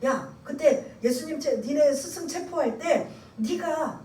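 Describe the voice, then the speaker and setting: A blunt, insistent bystander man presses his accusation, as a woman preacher acts him out. The voice sits high. It sounds echoey and distant, as if picked up from far back in a church. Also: takes it slowly, mellow, a little hiss or hum. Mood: accusing.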